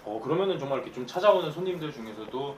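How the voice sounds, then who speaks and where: A man's voice: medium pitch, animated, very fast. A man interviews his guest in a polite, curious manner. He answers often with short affirmations and then asks a careful follow-up question. The recording carries a faint hiss of background noise. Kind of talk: interview conversation.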